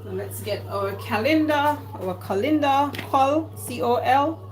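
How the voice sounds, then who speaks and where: A home cook vlogger with a Jamaican accent chattily talks herself through each cooking step in her home kitchen. Her high voice has lively intonation and a slightly slow pace, against a noisy background of clattering dishes and cutlery.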